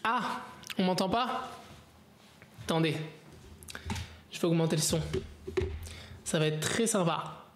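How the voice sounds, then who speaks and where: A man's voice: on the high side, slow, long pauses. Chatty male streamer in a roomy space. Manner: chatty, reacting playfully to viewers' comments. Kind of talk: casual live-stream chat. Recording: roomy echo, faint background noise.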